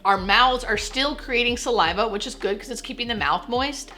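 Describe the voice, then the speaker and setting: A woman's voice: on the high side, moderate pace, pushed and bright, faint music behind. A woman speaking as a hospice nurse and video host, explaining things to camera in plain, reassuring words.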